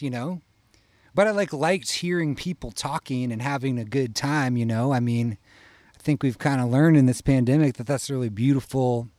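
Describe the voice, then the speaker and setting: A man's voice: fairly high pitch, darkish tone, no echo. Rambling man from Iowa telling stories. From Iowa, USA. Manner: rambling, profane, tags lines with "you know?". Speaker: storyteller. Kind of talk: casual personal storytelling.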